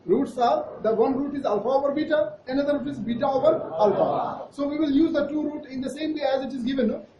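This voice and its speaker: A man with an Indian accent teaches maths at a classroom board, teasing the class playfully and checking in with questions. His extremely high voice stays steady and fast, though the recording is echoey, noisy, and muffled, far from the mic.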